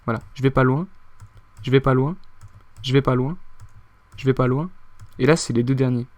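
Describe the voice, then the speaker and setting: A man doing let's-play commentary on a platform game, his middle-pitched voice dropping to low repeated mutters and jumping up into frustrated swearing and yelps. The sound is close and dry, with no room around it. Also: steady tone, moderate pace, no room sound. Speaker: YouTuber playing a platform game.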